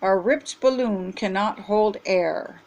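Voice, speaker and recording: A woman's voice: medium pitch, slow, darkish tone, dull audio. An older woman reading aloud, voicing a dutiful young police puppy in a storybook. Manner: eager, dutiful.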